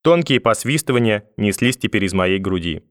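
A man narrating a first-person story for an audiobook in a measured, wry way. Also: fairly low pitch, lively intonation, no echo, studio quality.

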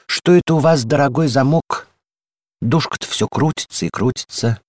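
A man's voice: medium pitch, normal speed, a little mellow, no echo, studio quality, pitched above the performer's own voice, close to an everyday voice. A man voicing a fussy, know-it-all female door handle in a storybook reading, prim and insistent, sometimes dropping to a tragic whisper.

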